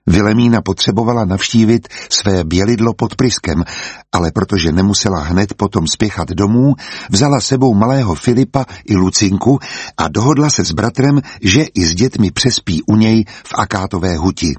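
A man reading an audiobook aloud in a calm, measured storytelling manner. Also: fairly low pitch, breathy edge, no echo. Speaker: audiobook narrator. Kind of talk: scripted audiobook narration.

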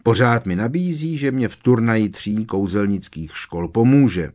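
A man's voice: on the low side, expressive, a little mellow, pitched above the performer's own voice, natural voice. A man voicing a teenage wizard boy who answers in a plain, earnest way.

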